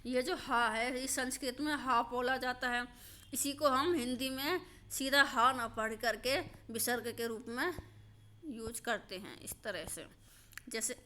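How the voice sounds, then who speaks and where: A woman teaching a grammar lesson, slowly and patiently, repeating examples and checking that her students understand. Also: fairly high pitch, bright, forceful tone.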